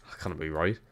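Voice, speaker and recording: A young Geordie from Newcastle, England chats casually while streaming a football game. He reads out his chat as he plays, giving relaxed gaming commentary.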